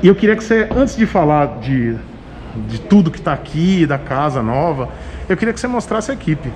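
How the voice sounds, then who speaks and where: A man's voice: on the high side, very animated, brisk, noisy background. A man with a Brazilian Portuguese accent hosting a casual, enthusiastic vlog tour of a motorcycle shop. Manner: upbeat, chatty, enthusiastic. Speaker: vlog host.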